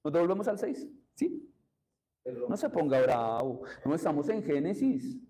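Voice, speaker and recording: A man preaches a sermon in a high-pitched voice. His tone is dark and mellow rather than bright. He keeps asking the congregation questions as he teaches. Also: very animated, measured pace, rough recording. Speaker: pastor.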